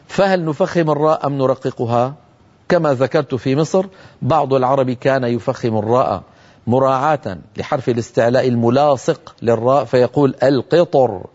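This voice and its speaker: A man teaching Quran recitation rules in a televised lesson, explaining calmly and chanting the examples slowly. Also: medium pitch, lo-fi sound. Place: television studio.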